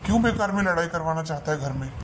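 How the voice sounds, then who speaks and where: A man playing a gentle old father who is helpless and resigned, speaking softly in a family drama. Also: on the high side, expressive, racing, a little hiss or hum. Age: older. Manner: soft, resigned.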